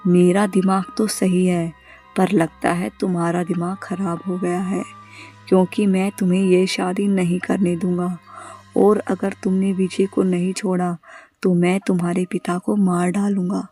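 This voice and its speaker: A woman's voice: on the low side, level tone, measured pace, warm tone, soft background music. A woman voicing a smug, scheming male village headman who makes mocking threats in a horror storybook.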